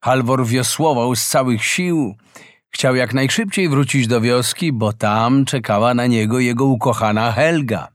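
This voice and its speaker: Slow, expressive male fairy-tale narrator. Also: medium pitch, dry recording, clean studio sound. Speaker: storyteller.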